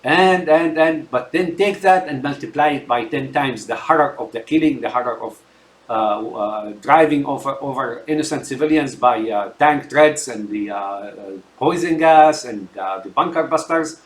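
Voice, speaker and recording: A man's voice: mid-range voice, moderate pace, roomy sound. A man in his sixties, from Syria, ranting about politics in a rambling way, with many filler sounds and repeated tag questions. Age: 60s. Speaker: political commentator. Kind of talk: casual political rant.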